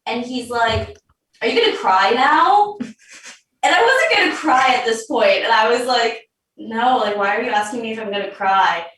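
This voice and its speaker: A woman's voice: fairly high pitch, lively intonation, normal speed, fairly bright tone. A young woman guest telling a story casually, full of "like" fillers. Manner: chatty, lots of "like" fillers. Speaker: podcast guest. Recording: roomy, distant mic.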